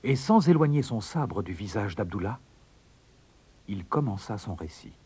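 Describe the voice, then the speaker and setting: A man's voice: on the low side, animated, normal speed, mellow, slightly rough. A man narrating a fairy tale in a scripted, suspense-building storybook reading.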